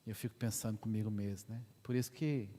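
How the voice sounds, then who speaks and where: A parish priest, preaching as an animated storyteller who swings between hushed and loud. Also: male voice, fairly low pitch, brisk. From Brazil. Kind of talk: sermon storytelling. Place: church. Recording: echoey church with long reverb.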